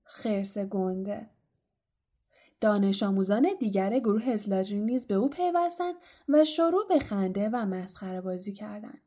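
A woman narrating a children's fantasy audiobook in an expressive storytelling manner. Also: medium pitch. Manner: expressive storytelling, voicing characters.

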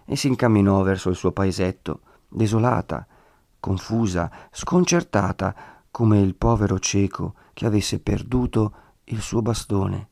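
Dry, steady male audiobook narrator. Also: on the low side, creaky, no echo. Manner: measured, steady reading. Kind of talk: scripted narration.

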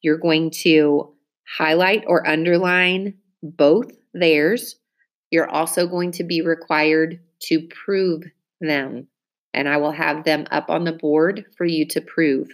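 A woman teacher giving a spelling test, reading each word clearly and using it in an example sentence. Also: low-pitched, fairly even intonation, slow. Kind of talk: spelling dictation lesson.

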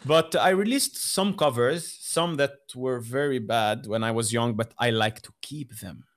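A man's voice: mid-range voice, unhurried. Chatty man. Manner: chatty, restarts often, laughs easily. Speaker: podcast guest. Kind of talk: casual chat. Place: his office. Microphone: boom arm microphone.

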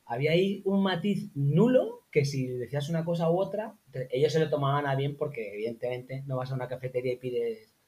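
Man, interview guest, lively anecdote teller in relaxed chat. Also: brisk, few pauses. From Spain. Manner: animated anecdotes, acts out quotes in high voices. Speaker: interview guest, former teacher in Morocco. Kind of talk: casual conversational storytelling.

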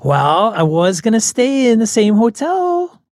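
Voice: mid-range voice, big pitch swings, a little slow, a little mellow, no echo, studio quality, pitched above the performer's own voice. A game master voicing an eager woman who stammers as she pleads with her partner on the phone during a tabletop game. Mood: pleading. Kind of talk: in-character tabletop role-play.

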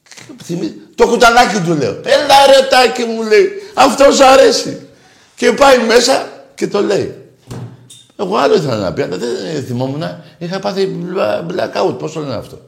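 A man's voice: high-pitched, sing-song, gravelly, roomy sound. A man hosting a call-in radio show, telling stories animatedly and teasing callers. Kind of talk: casual call-in radio chat.

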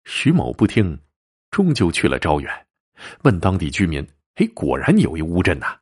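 A man with a husky voice narrating a classic folk tale, softly voicing the characters' dialogue as he goes. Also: wildly swooping pitch, moderate pace. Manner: voices the dialogue with shifting pitch and softness. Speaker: storyteller.

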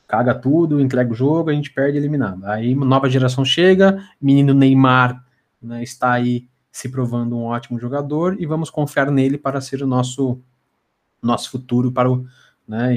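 A Brazilian man, a guest on a casual podcast conversation, has a mid-range, slightly mellow voice. He stammers, repeating words and syllables, and a tongue-tied lisp makes his s sounds slushy.

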